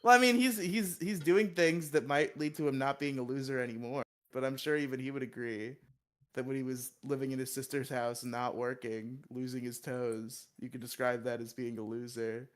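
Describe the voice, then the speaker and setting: A man in the middle pitch range co-hosting a loose podcast conversation. He jokes, swears freely and laughs often. His voice jumps sharply higher when he gets excited. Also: normal speed. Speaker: podcast co-host. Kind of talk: casual podcast chat.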